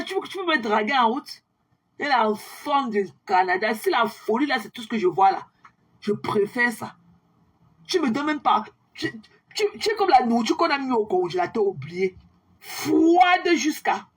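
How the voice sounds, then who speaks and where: Young woman, husky, scornful livestream ranter who taunts her critics and mixes in English. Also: on the high side. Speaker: social media livestreamer. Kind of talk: ranting monologue to viewers.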